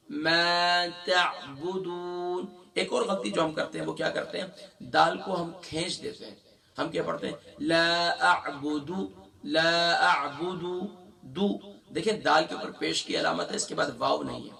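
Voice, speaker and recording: A man teaching a Quran recitation lesson in a strongly gravelly, bright voice, a bit higher than most men. He has a sore throat and slowly stretches out each syllable as he recites, then explains quickly. He sounds a little distant from the mic.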